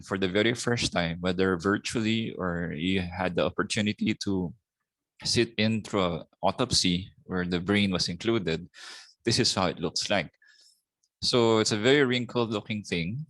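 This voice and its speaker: A middle-aged man with a Filipino accent giving a slow anatomy lecture, often ending points with a questioning "no?". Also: sits low, fairly bright tone, no room sound. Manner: slow, repetitive teaching with tag "no?". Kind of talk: recorded lecture.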